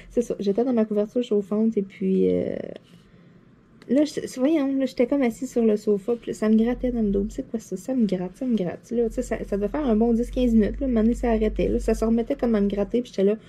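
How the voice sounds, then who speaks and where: A woman with a Québécois French accent, seated at her desk, telling anecdotes to her viewers in a chatty, animated way, full of fillers and laughter. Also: on the high side, fairly quick, slightly rough. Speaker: vlogger. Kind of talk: casual anecdote storytelling to viewers.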